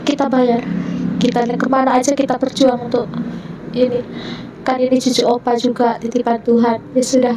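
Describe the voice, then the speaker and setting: A woman's voice: far from the mic, background noise. A woman recounting an emotional personal testimony, voicing family members' words as she goes. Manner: quotes family members in her own voice, rising high when moved. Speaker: guest telling her conversion story.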